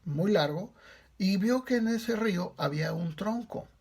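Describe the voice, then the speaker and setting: A man's voice: high-pitched, lively intonation, a little slow, a little mellow, slightly rough. A male pastor preaching a sermon in a conversational storytelling manner, with frequent tag questions.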